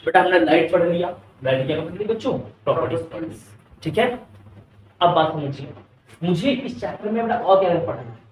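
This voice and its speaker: A male physics teacher with an Indian English accent lectures his class, constantly quizzing the students and calling them "beta." His voice is a little high, expressive and fairly quick, with a faint hiss or hum. The mic sits far off in an echoey classroom.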